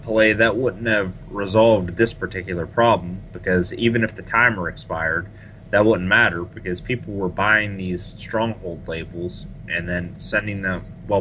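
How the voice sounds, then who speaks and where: A man hosting a casual gaming podcast, talking in an animated, complaining way and laughing easily. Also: deep voice, slight background noise, low-quality recording. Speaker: podcast host.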